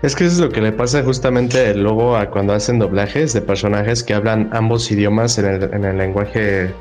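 A man's voice: lowish voice, moderate pace, a little mellow, soft background music. A man with a Mexican accent chatting casually on a podcast in loose, slangy speech with frequent restarts.

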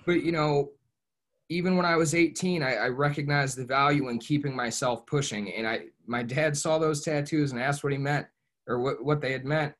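Here the young Ohio man's voice sits on the high side, fairly bright, with fairly even intonation and a moderate pace. As a podcast guest in a casual interview, he reflects earnestly on his story, frequently restarting sentences and dropping "you know."

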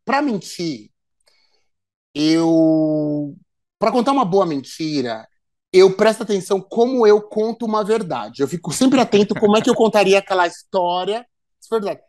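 A man's voice: sits high, animated, normal speed, darkish tone. A man with a Brazilian Portuguese accent, hosting a podcast in casual chat, addressing listeners and often stumbling over repeated words. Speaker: podcast host.

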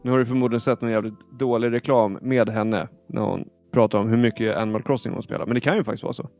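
A man's voice: mid-range voice, steady tone, a little mellow, faint music behind. A man co-hosting a casual gaming podcast, often laughing and asking teasing questions. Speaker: podcast co-host.

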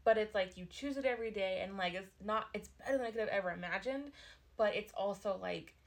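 A woman's voice: mid-range voice, fairly quick. A young woman recorded in an attic, talking casually and reflectively as a podcast co-host, in a reassuring way. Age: young adult. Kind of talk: casual personal chat.

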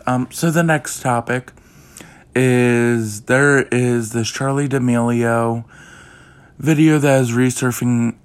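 Young male podcast host, casual rambling delivery, slow and monotone. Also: medium pitch. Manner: rambling, heavy use of "like" and "um". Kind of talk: casual chat.

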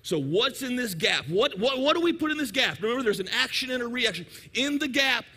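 A male pastor preaching a sermon, animated and playful, acting out little everyday scenes. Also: extremely high pitch, brisk.

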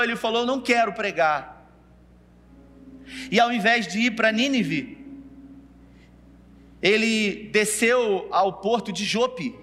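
A man's voice: high voice, a bit bright. A preacher telling a Bible story in a sermon, calling out to his listeners by name. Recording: long reverb of a hall.

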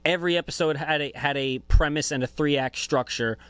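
A man's voice: a little high, fairly even intonation, brisk, fairly bright tone, clean tone, dry recording. Rambling, foul-mouthed man in his twenties. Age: 20s. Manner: rambling, profane, laid-back. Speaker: podcast host. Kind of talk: casual podcast monologue.

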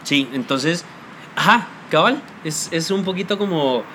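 A man's voice: on the high side, lively intonation, a little slow, sharp tone, slight background noise. Guatemalan man musing in casual podcast chat. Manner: conversational, musing, asks questions. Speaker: podcast co-host.

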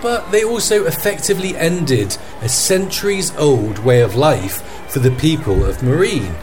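In the role of a field correspondent, the podcast host earnestly and formally reads out a scripted news report. He speaks a little slowly in a fairly high, animated voice, over faint background noise and ambience.

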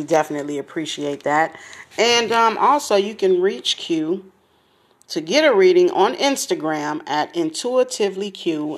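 A middle-aged woman hosting her own podcast in casual, slangy chat, talking straight to listeners and smiling as she speaks. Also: on the low side. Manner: upbeat, slangy and chatty, addresses listeners directly; smiling and laughing as she talks. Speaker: podcast host.

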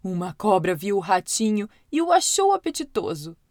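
A woman with a Brazilian Portuguese accent narrating a children's story as host of a story podcast, in a lively, expressive way. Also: medium pitch, normal speed, dry recording, clean studio sound. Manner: lively, expressive, warm-hearted.

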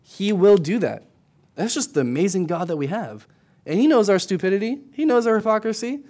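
A man's voice: sits high, expressive, brisk, darkish tone. Middle-aged man preaching in a chatty way. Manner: conversational preaching with frequent tag questions; repeats and restarts words. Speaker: pastor. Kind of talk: sermon.

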